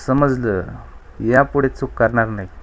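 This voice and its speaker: A man's voice: mid-range voice, measured pace, close to an everyday voice. A man reading a storybook and voicing a naive, well-meaning young man who earnestly explains himself and promises to do better. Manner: earnest, eager to please.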